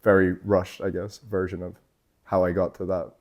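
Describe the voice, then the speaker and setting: Very deep-voiced young man from Scotland. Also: little pitch movement, moderate pace, a little mellow. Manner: loose, rambling, heavy on "like" and swearing. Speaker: guest artist. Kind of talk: casual chat. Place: tattoo shop.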